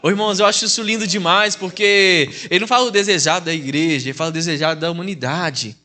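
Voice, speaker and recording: A man's voice: high-pitched, fast talker, pushed and bright. A man with a Mineiro Brazilian accent, a deacon preaching a sermon in church in a conversational way, talking directly to the congregation as brothers. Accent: Mineiro Brazilian Portuguese. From Minas Gerais, Brazil.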